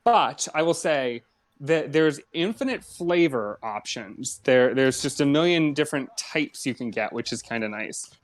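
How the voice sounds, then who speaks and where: A man's voice: medium pitch, animated, a little slow. A man co-hosting a casual podcast, explaining his opinions thoughtfully and at length. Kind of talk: casual chat.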